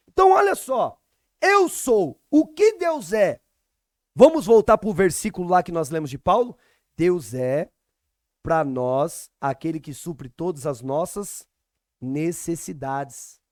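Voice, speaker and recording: A man's voice: high voice, a little mellow, no room sound, studio quality. A man with a Brazilian Portuguese accent teaching scripture on a podcast, emphatic and preaching, with many rhetorical questions. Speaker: religious teacher.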